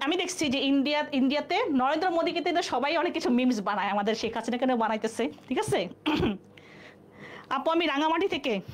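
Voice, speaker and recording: Woman teacher, high voice, quiz-style lecturing, faint background hiss. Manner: explains step by step, asks and answers own questions. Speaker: online exam-prep teacher. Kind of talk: live online class lecture.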